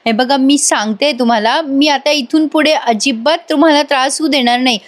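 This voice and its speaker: Woman voicing young college girl, earnest, begging kinda, high voice. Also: moderate pace, natural voice. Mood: pleading. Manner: pleading, earnest. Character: earnest young woman student and canteen worker.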